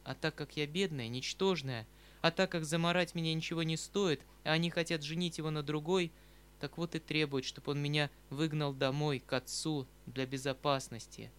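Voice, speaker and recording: Audiobook: male reader voicing a proud earnest young woman, slightly raised pitch. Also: fairly even intonation, normal speed, a bit bright, smooth, close to an everyday voice. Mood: worried.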